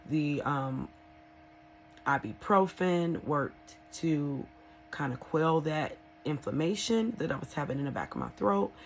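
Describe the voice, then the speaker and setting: A woman talking casually and candidly in an unscripted personal vlog, rambling a little with hesitant pauses. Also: deep voice, slight background noise. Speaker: vlogger sharing a recovery experience.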